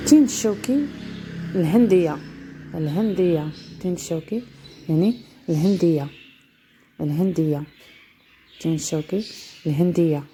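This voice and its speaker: A woman teaches vocabulary slowly, repeating each word several times. Her voice is low and mellow. A faint hiss of background noise sits under the recording. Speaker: dialect teacher. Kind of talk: slow vocabulary lesson with repetition.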